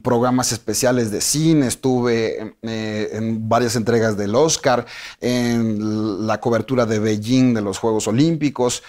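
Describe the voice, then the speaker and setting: Un hombre con acento mexicano que cuenta su carrera en una entrevista, con muchas pausas y reinicios. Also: male voice, fairly low pitch, steady tone, a little mellow. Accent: Mexican Spanish. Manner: rambling, many restarts and fillers. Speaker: interview guest, TV personality. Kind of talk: casual interview chat.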